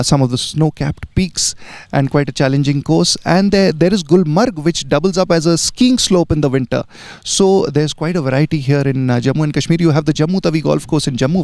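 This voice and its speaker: Gravelly man chatting about golf on course. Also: mid-range voice, darkish tone, dry recording. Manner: conversational, informative, pauses to find words. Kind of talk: live sports commentary chat.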